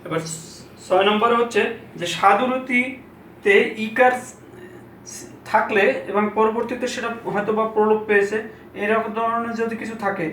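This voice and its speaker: A man teaching pronunciation, repeating example words slowly and asking rhetorical questions. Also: sits high, steady tone, a bit bright, a little hiss or hum. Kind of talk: Bengali pronunciation lesson. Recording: echoey room, mic at a distance, faint ambience.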